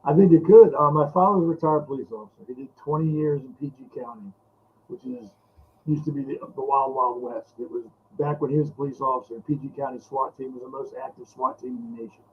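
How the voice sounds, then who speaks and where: A man's voice: mid-range voice, lively intonation, fast, a little hiss or hum. A man chatting casually on a political livestream, his voice coming through a muffled, badly set-up new headset mic. He talks in a plain, matter-of-fact way and lists his points one by one. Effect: muffled, lo-fi sound from a new headset mic that is set up wrong. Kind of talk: casual talk-show chat.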